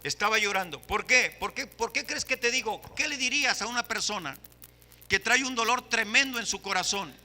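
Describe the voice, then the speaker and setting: A male pastor with a Mexican Spanish accent delivers a fervent sermon in a high, very bright and piercing voice. His words ring out with a long reverb from the church hall around him. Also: brisk. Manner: impassioned preaching, rising to shouts.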